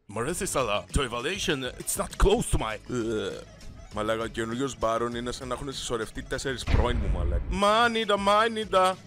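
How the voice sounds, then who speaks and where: A young man riffs through casual gameplay commentary, excitable and foul-mouthed, with sudden loud outbursts. His pitch leaps around animatedly at a middling register, and his voice sounds strained from shouting, over faint background music. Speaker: gamer streamer.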